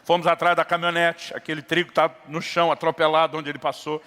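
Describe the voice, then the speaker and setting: A man's voice: on the high side, flat delivery, fast talker, sharp tone. A middle-aged Brazilian pastor with a Brazilian Portuguese accent, preaching a sermon and acting out dialogue as he tells a story. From São Paulo state, Brazil. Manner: acts out dialogue in a story, builds to impassioned preaching. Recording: long reverb of a church hall.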